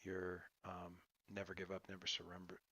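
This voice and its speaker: Bright, halting male game master. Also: low voice, completely flat delivery, dry recording. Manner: halting, thinking aloud. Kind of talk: improvised tabletop game narration, casual.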